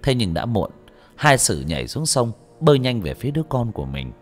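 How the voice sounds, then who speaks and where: A man narrating a horror story for an audiobook in a measured, steady delivery. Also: mid-range voice, soft background music.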